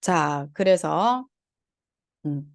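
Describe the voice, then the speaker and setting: A woman's voice: low-pitched, animated, drawn-out words, creaky, no echo, clean studio sound. A woman lecturing on Chinese tones, explaining step by step and demonstrating each tone by sounding out syllables. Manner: patient, explains step by step, sings out tone examples. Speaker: Chinese language instructor. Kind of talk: recorded online lecture.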